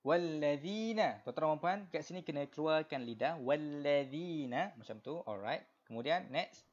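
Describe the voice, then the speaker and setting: A man with a Malaysian Malay accent teaching Quran recitation, explaining patiently with lots of repetition and fillers, then chanting verses slowly. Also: fairly high pitch, animated, muffled recording. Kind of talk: online Quran recitation lesson.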